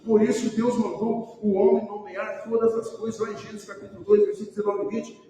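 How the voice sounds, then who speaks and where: A Brazilian pastor preaches with a fairly high voice, pressing his points by repeating them and calling people by name. He sounds distant from the mic, in a big church with a long, ringing reverb. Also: level tone, quick pace, dark tone. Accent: Brazilian Portuguese. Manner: emphatic preaching, repeating phrases and calling out names. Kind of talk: sermon. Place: church sanctuary. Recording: echoey church hall, voice from far off the mic.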